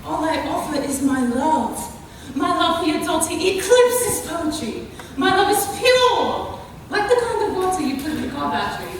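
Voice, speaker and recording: A woman's voice: extremely high pitch, very animated, normal speed. A woman playing a lovestruck, self-dramatising young man in a stage farce, declaiming like a hammy actor. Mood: grandly passionate. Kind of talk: farcical stage comedy acting. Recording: echoey hall, distant mic, faint noise.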